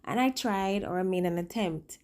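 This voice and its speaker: A woman's voice: lowish voice, moderate pace, a little mellow. A woman chatting casually through a makeup tutorial as a vlogger, informal and emphatic, with rambling asides, speaking with a swollen upper lip. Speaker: makeup vlogger and working makeup artist.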